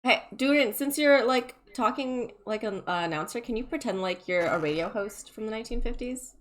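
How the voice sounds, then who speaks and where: A woman's voice: a little high, animated, brisk. A woman teasing and giggling with friends on a voice call before a tabletop game. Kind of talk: casual group chat.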